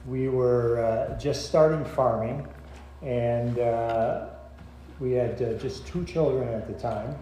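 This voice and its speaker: A middle-aged man preaching a sermon as pastor, speaking in a slow, halting way with many filler pauses. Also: mid-range voice, dark tone. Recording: echoey church hall with faint noise.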